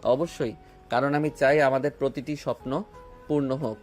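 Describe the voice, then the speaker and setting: With soft music underneath, this man voices a loving, playful young husband in a romantic audio drama, teasing gently and tenderly. He talks at a normal speed in a steady, mid-range voice that stays near his everyday sound.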